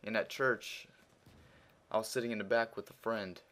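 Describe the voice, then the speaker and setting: A teenage boy with a Russian accent, a gaming commentator, rambles through a crude, profanity-filled story over gameplay, using lots of fillers. His male voice is fairly low and steady at a moderate pace. He gets louder and more heated as he retells the argument.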